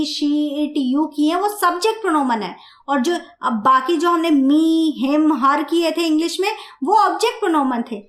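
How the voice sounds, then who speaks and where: A woman teaching German grammar in Hindi, speaking slowly, repeating points and asking her students questions. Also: high-pitched, fairly bright tone, roomy sound. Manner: slow, repeats and asks the class questions. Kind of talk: grammar lesson explained in Hindi.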